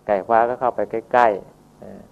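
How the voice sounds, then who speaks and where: A man preaching a sermon, retelling a teaching story with many fillers and pauses. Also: on the low side, steady tone, vocal fry. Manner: explains with many fillers, stretches words. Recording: dull lo-fi recording.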